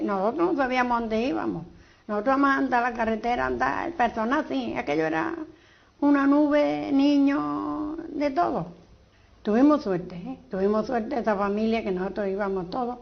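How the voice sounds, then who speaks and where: A woman's voice: a little high, gravelly. An older woman giving a personal testimony in broken, tumbling fragments. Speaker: witness recounting memories. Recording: dull lo-fi recording.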